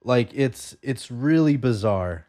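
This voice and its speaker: A man co-hosting a podcast in casual chat, relaxed and agreeable, often trailing off with fillers. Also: medium pitch, takes it slowly. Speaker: podcast co-host.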